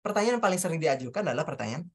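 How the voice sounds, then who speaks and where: Low-voiced woman giving a workshop. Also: big pitch swings, very fast, husky. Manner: addresses the audience directly, acts out example questions; hesitant restarts while explaining. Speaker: speaker at a coaching talk. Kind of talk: presenting a workshop on self-questioning. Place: talk venue before an audience.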